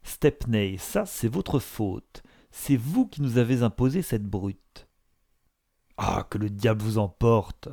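Scandalized older gentleman, fussy and exclaiming, voiced by a man, low and gravelly. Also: expressive, slow, dry recording, studio quality, heavily acted. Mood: indignant.

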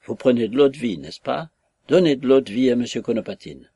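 A man's voice: mid-range voice, fairly quick, vocal fry, warm tone, husky, dry recording. A man doing a pompous, commanding statesman. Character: elegant, self-important statesman husband.

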